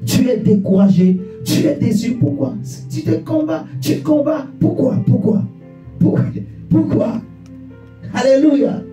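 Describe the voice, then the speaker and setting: A man preaching a fervent sermon to a congregation, repeating rhetorical questions and bursting into shouts. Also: very high voice, expressive, unhurried. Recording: echoey church room, distant mic, faint guitar.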